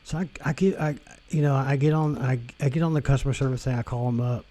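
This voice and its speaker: A man's voice: mid-range voice, steady tone, quick pace, warm tone. Rambling, profane man ranting. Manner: rambling, profane, repeats and restarts himself. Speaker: vlogger. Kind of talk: casual rant.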